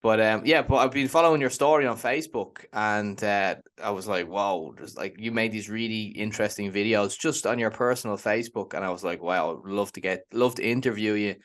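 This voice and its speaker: A man's voice: on the low side, brisk, hardly any pauses, fairly bright tone. A man hosting an interview show, chatting in a friendly, upbeat way. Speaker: podcast host and interviewer. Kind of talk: casual interview.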